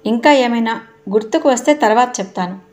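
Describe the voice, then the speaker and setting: A woman reading the lines of a young male doctor in a low, subdued voice. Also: a little fast, a little mellow, lightly acted. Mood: demanding.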